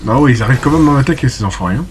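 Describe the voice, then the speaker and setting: A man's voice: medium pitch, animated, rapid-fire, a little hiss or hum. Chatty man commentating a game. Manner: chatty, talks to himself, exclaims and curses during fights. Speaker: gameplay commentator. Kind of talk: casual let's play commentary.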